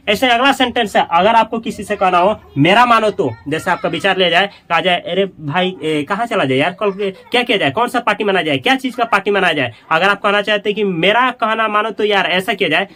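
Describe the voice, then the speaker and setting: A man teaches spoken English to his viewers. He repeats every phrase slowly several times and talks to them directly and casually. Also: high-pitched, bright, forceful tone. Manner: chatty, addresses viewers directly. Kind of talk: Hindi-medium English lesson.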